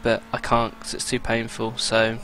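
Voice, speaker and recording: Young guy, bright tone, casual sim-racing co-host, light hiss on the line. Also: mid-range voice, normal speed. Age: 20s. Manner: relaxed, chatty, reads out lap times with fillers. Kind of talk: casual race commentary.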